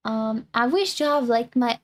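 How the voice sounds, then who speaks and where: Streaming as a VTuber, a young French woman reacts to a video with an expressive, fairly high voice at a normal pace. She talks casually with a French accent, rambling and restarting because she feels self-conscious.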